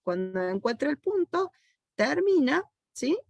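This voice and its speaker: Profesora argentina explicando código paso a paso, paciente, pregunta "¿sí?" todo el tiempo, sonido seco. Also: female voice, sits high, big pitch swings, slow pace, gravelly, a little mellow, no room sound. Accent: Argentine Spanish. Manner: patient, checks understanding with frequent "¿sí?". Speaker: university teacher. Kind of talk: explaining code step by step to students.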